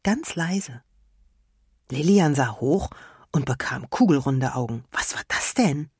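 A woman with a low, slightly husky voice reads a children's story aloud with lively expression. The sound is close and dry. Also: takes it slowly, dry recording.

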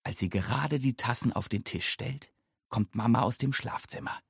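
A man reading a children's story aloud in a lively, expressive way. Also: medium pitch, moderate pace, gravelly, husky, dry recording, clean studio sound. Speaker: narrator.

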